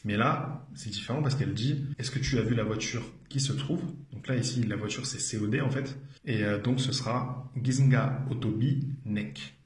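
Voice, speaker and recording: A man's voice: lowish voice, moderate pace, few pauses, reverberant. A man giving an explanatory video lesson as a language teacher, patiently repeating each phrase with frequent hesitations.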